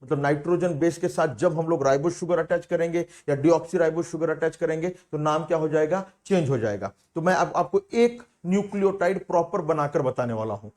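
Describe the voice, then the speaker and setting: A man's voice: fairly high pitch, a little fast, few pauses, darkish tone. Male biology teacher, quizzing. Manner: repeats key terms, quizzes students with questions. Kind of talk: classroom lecture.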